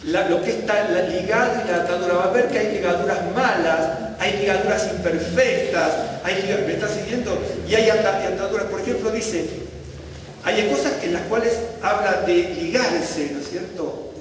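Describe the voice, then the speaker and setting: Male Bible teacher, high voice, chatty and questioning, recorded far off in a reverberant hall with faint noise. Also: moderate pace. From Argentina. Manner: conversational, checks in with listeners often. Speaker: teacher at a congregation.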